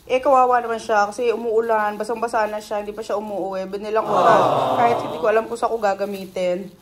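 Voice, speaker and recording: A woman's voice: medium pitch, fairly even intonation, quick pace, heavy background noise. A middle-aged Filipino woman vlogging casually on a phone in a condo, chatty and giggly. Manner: chatty, giggly, mixing English and Tagalog. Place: condo unit on a rainy evening. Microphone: phone held by the speaker.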